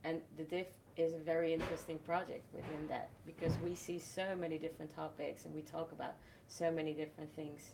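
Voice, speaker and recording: A young woman from the Netherlands talks in a low voice and explains things one step at a time. She sounds relaxed, like she is in a casual interview chat. A faint rumble sits under the recording. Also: fairly quick, vocal fry, hardly any pauses. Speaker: festival host.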